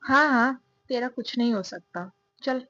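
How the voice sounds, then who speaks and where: A woman's voice: fairly high pitch, measured pace, a bit bright. A woman voicing a cautious, easygoing young male college friend who speaks in a warning, casual way. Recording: dull, dry sound.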